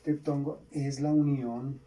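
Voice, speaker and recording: A Colombian man teaching a grammar lesson, slowly repeating key words for students to write down. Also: mid-range voice, little pitch movement, mellow. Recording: distant mic, faint background hiss.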